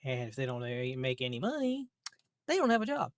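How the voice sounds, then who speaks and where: Male gaming commentator, mid-range pitch, exasperated and grumbling, unscripted and emphatic, dry recording. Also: sing-song, fairly quick, dry recording. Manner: exasperated, grumbling, sweary complaining; emphatic repetition, rhetorical questions. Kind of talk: unscripted rant about a video game.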